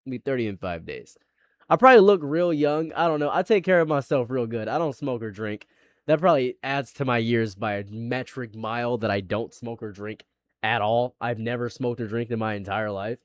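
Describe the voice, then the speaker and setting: A man's voice: medium pitch, normal speed, no echo. Man in his late twenties, dry close sound. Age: late 20s. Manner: rambling and repetitive, laughing often. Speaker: live streamer. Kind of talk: casual live-stream chat.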